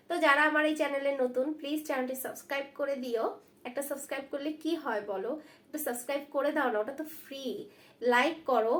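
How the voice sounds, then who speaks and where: A woman's voice: high-pitched, a bit bright, roomy sound. A woman teaching a spelling lesson online, spelling out words and asking the class questions over and over. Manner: asks the class questions, repeats words, says "ঠিক আছে?" again and again.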